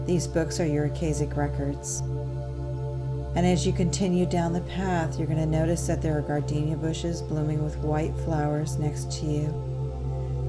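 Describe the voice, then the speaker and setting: Low-voiced woman guiding a meditation. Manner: calm, unhurried, measured instructions. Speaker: guided meditation narrator. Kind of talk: slow, soothing guided meditation narration. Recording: New-age music under the voice. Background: New-age music.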